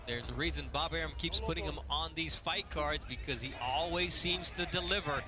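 High-voiced male boxing play-by-play commentator. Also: moderate pace, noisy background. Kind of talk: live sports commentary.

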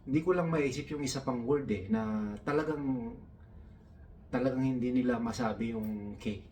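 A man's voice: medium pitch, normal speed, dark tone, distant mic, slight background noise. A man from the Philippines doing stand-up storytelling, taking on his coworkers' broken English in a raised voice. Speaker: comedian.

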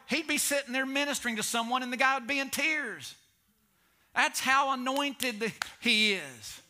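On a church stage, a middle-aged male pastor delivers an animated sermon in a very high voice. He swings between loud emphasis and hushed asides.

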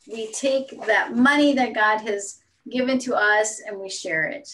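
A middle-aged pastor conducts online worship via video call from a small home room, her tone gentle and encouraging. She has a fairly high pitch, and the audio quality is poor.

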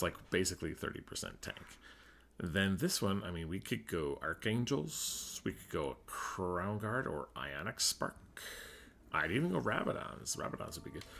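Man, gameplay commentary, talks to himself, lively swings in pitch, faint background hiss. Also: vocal fry. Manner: thinks aloud, mutters to himself. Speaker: gaming streamer.

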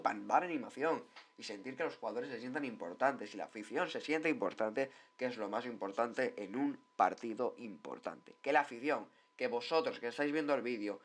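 A man talks through football mascots in a loose, chatty commentary. He rambles, doubles back on his words and keeps tossing in little tag questions as he goes. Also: medium pitch. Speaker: football vlogger reviewing mascots. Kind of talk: casual commentary.

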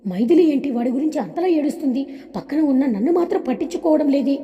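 A jealous young schemer, voiced by a woman narrator, switches between sugary kindness and quiet threats. The voice stays high and mellow. It carries a long reverb. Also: expressive, fast talker, muffled recording. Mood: sly. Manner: two-faced, sugary then threatening. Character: scheming jealous young man, fake sweet.

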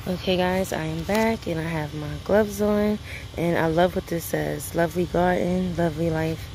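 A Brooklyn, New York City homestead vlogger chats casually to viewers, calling them "guys," as she picks peppers in a sunny outdoor garden, filmed on a phone. Her fairly low, darkish voice has fairly even intonation and normal speed. The recording is low-quality, with a little hiss or hum.

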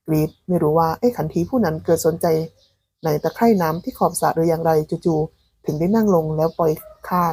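A woman narrating a novel aloud in a lively first-person storytelling style. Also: low-pitched, husky, dry recording, rough recording. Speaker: novel reader.

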